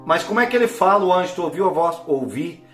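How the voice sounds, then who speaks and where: A man giving an emotional church testimony, dropping to a hush and then rising to near-shouts. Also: high-pitched, animated, fast talker, faint music behind. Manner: fervent, swings from hushed to near-shouting. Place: church hall. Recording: echoey hall with faint instrument.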